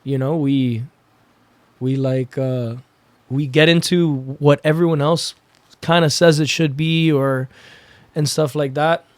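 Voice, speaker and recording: A man in his twenties hosting a podcast, laid-back and jokey, swearing casually in relaxed chat. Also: fairly high pitch, slow, long pauses, dry recording. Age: 20s. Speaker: podcast host.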